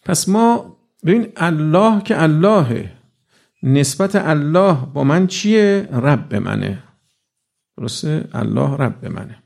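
A man giving a conversational religious lecture to a live audience, reciting verses slowly and often asking "right?". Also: on the high side, expressive, gravelly, a little mellow.

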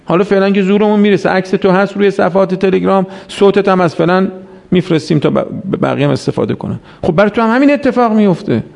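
Gravelly-voiced preacher giving a sermon. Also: male voice, high voice, a little mellow. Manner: exhorting, rhetorical questions, quotes Arabic verses. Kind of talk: religious sermon.

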